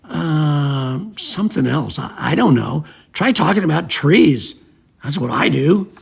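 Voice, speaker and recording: A man voicing a seasoned male steam engine who gives dry, slightly halting advice in a husky, gravelly voice, in a fan audio drama. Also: fairly high pitch, animated, exaggerated voice. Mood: advising.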